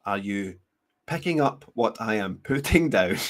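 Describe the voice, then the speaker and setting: A man, hosting his show, reading news stories aloud and breaking off into mocking, sarcastic commentary with frequent laughs and halting restarts. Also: fairly low pitch, lively intonation. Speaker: show host.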